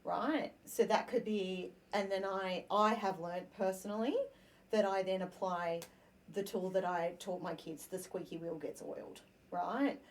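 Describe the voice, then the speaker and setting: A woman's voice: mid-range voice, unhurried. A woman hosting a podcast chat, talking casually and acting out her own inner voice in quotes. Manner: animated, acts out quoted inner dialogue. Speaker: podcast host.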